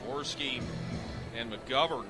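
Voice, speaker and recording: A middle-aged man does live play-by-play of a baseball game on the radio, his clipped descriptive phrases building into excited calls. His pitch is medium and his pace unhurried, with loud music playing behind him.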